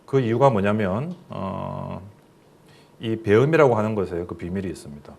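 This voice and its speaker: A man's voice: lowish voice, animated, normal speed, vocal fry, darkish tone, breathy edge. A middle-aged man, a professor, giving a recorded lecture in a plain explanatory way, with fillers and questions to the listeners.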